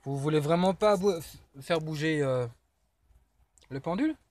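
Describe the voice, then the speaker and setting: Halting man addressing spirits. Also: a little high, a little mellow. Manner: halting, stammering, restarts often. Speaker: paranormal investigator. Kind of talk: addressing spirits during a ghost hunt session.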